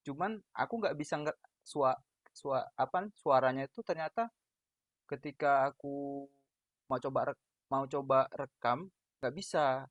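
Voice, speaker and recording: A young Indonesian podcast host with a Medan accent chats casually over a video call in a big, booming voice. He's loud, laughs freely, and makes fun of himself. The dry video-call audio comes across dull and lo-fi.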